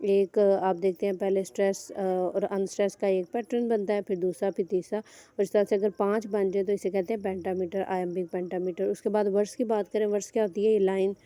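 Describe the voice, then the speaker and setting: Woman literature lecturer, very mellow dark tone, dry close recording. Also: mid-range voice, fairly even intonation, dry recording. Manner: explains in Urdu-Hindi, reads English examples slowly. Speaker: English literature teacher.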